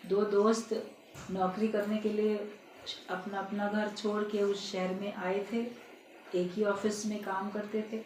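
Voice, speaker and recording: A woman's voice: medium pitch, flat delivery, measured pace, a little mellow, slight background noise. A woman giving a spiritual discourse, telling a parable in an earnest, instructive way. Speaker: spiritual speaker. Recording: roomy sound, distant mic, faint ambience.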